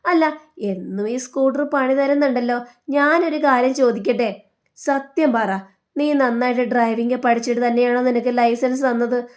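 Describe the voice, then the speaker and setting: A woman's voice: fairly high pitch, normal speed, natural voice. A woman reading the lines of a playful, teasing young man in a TV serial recap.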